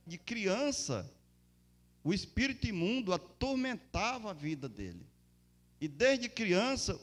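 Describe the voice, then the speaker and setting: Male pastor, high voice, preaching in church, swells and stretches key words. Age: adult. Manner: preaching with emphatic rises and drawn-out words. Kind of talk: sermon. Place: church during a Sunday service.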